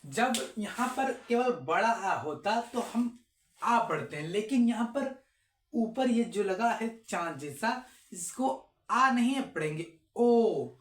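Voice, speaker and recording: Slow, patient phonics teacher in an echoey room. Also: mid-range voice, expressive. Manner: repeats sounds and asks then answers own questions. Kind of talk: slow step-by-step phonics lesson.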